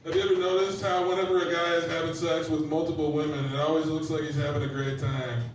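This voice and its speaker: A man doing a stand-up comedy set of deadpan one-liners to a live audience in a lounge bar. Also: a little high, quick pace, a little hiss or hum. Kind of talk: stand-up set at an open mic. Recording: very echoey room from far off.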